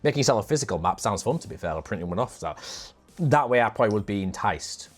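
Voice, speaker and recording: A man's voice: lowish voice, lively intonation, fast talker, soft background music. A man with a northern English accent, hosting a casual gaming podcast in a chatty, self-mocking way. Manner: chatty, laughs at himself. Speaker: podcast host.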